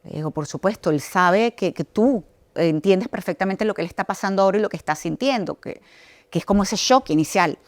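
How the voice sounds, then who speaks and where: A woman's voice: medium pitch, animated, fairly quick, no echo. A middle-aged woman from Venezuela, a news anchor and author, telling her personal story as an interview guest in an earnest, reflective way. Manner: earnest, reflective, many restarts and quoted dialogue.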